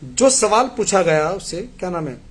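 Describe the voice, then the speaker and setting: A man's voice: high voice, very animated, moderate pace. A man hosting a live stream, reading viewer messages and answering them in an earnest, argumentative way.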